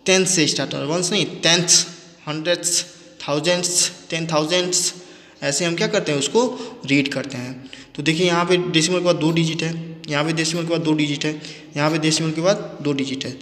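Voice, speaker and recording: A man's voice: fairly high pitch, fairly even intonation, brisk, fairly bright tone. A man teaching a maths lesson in speech, asking questions and answering them himself as he repeats each step. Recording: echoey room with long reverb.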